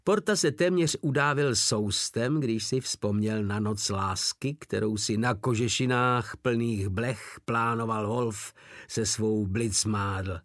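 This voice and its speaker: A man narrating an audiobook in an expressive storytelling manner. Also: lowish voice, no echo, studio quality. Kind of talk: scripted narration.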